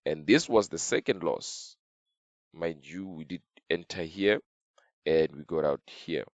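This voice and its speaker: A man with a slightly off voice teaching a trading lesson over a chart, halting and repeating himself as he draws. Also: low-pitched, dry recording. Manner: repetitive, halting, talks while drawing on chart. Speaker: trading signal educator. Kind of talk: screen-share trading lesson.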